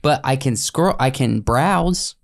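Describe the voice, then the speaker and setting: A playful man co-hosting a casual podcast, speaking at an ordinary mid pitch. He jokes through the chat in a loose, bantering way. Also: expressive, slow. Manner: playful, jokey, slips into mock radio voices. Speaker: podcast co-host.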